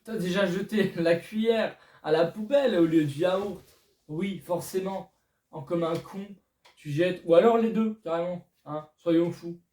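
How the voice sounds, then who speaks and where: A man's voice: high-pitched, measured pace, dark tone, recorded from a distance. A young man vlogging casually to his viewers, chatty and self-mocking, recorded in an echoey room some way from the mic. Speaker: YouTuber. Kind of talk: casual vlog talking to viewers.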